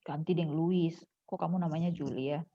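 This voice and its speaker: Lively woman teacher, muffled class recording. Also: deep voice, moderate pace. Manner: animated, jokey, switches between languages. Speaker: English teacher. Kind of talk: online class lesson mixing Indonesian and English.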